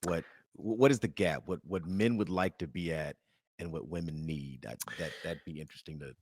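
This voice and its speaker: A man co-hosting a podcast, chatting casually in a joking, teasing way with a husky voice. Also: low voice, a little fast, a little mellow, no echo, studio quality. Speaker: podcast co-host.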